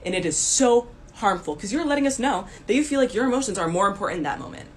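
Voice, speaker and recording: A woman's voice: medium pitch, expressive, fast talker. A woman giving a blunt, emphatic rant straight to the camera, scolding her listeners. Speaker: commentator.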